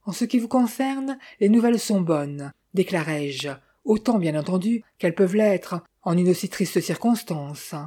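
A young clerk playing detective, self-important and quick to brag, as a woman narrator reads him, in a storybook tale. The voice is dark and mellow, with a breathy edge. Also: lowish voice, lively intonation. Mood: boastful. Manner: self-important, turning sheepish. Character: young male clerk, boastful yet easily shaken.

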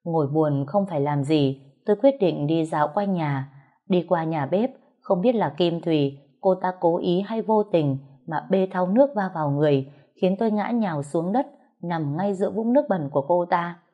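A woman narrating a story in the first person in a calm, even reading voice. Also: lowish voice, normal speed, muffled recording.

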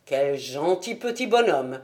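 Brief: woman playing a grave, quiet male detective, pitched down, unhurried. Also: lively intonation. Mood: diplomatic. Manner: measured and low. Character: calm, shrewd male detective.

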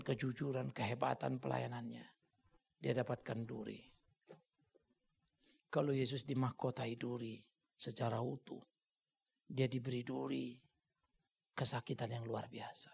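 A male preacher in full flow, his gravelly, husky voice climbing high and swooping wildly in pitch. He veers from shouted declarations to low, hushed warnings and throws out sharp, mocking rebukes. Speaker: pastor. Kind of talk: sermon.

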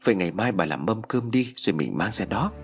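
Man doing a hesitant old village man, husky, plain voice, storybook audio. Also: fairly low pitch, big pitch swings, fairly quick, faint music behind, heavily acted.

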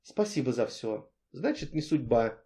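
A man's voice: mid-range voice, sing-song, unhurried, mellow. A man voicing an indignant forty-year-old woman who screams insults in an audiobook. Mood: deflated. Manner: shrieking insults, then cold and bitter. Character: furious 40-year-old woman, proud and shrill.

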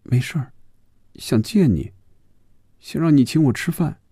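A man voicing a quiet, lovesick young woman with a soft, hesitant, raised voice in a storybook radio reading. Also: on the high side, lively intonation, a little slow, slightly rough, dry recording, clean studio sound, pitched above the performer's own voice, heavily acted. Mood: shy, wistful.

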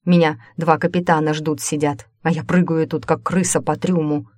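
A woman's voice: low-pitched, little pitch movement, normal speed, darkish tone, dry recording. A woman voicing an irritated, impatient brother who scolds and grumbles in an audiobook story. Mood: scolding, exasperated.

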